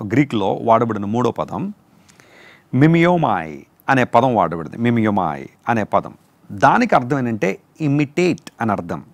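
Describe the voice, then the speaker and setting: A man preaching a sermon, explaining terms slowly and repeating each word. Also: medium pitch, creaky, no echo. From India. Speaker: pastor. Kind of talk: sermon teaching on word meanings.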